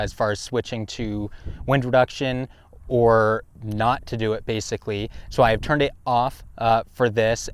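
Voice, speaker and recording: Talking into an action camera's built-in microphone on a windy hilltop, a review video host explains his camera test casually and informally. His voice is smooth and mid-range, and the outdoor recording is full of heavy, loud wind noise.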